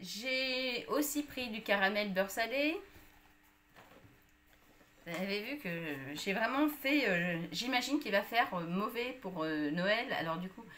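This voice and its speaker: Woman, chatty haul vlog, bright forceful voice, faint background noise. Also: medium pitch, lively intonation, unhurried. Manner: chatty, many fillers. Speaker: vlogger. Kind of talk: casual haul chat.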